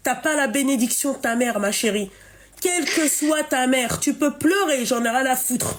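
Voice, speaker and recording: Une femme qui anime un direct en ligne et sermonne une appelante avec insistance, en se répétant. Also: female voice, sits high, normal speed, slight background noise. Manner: scolding, emphatic, repeats herself. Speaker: live stream host. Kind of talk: live call-in chat.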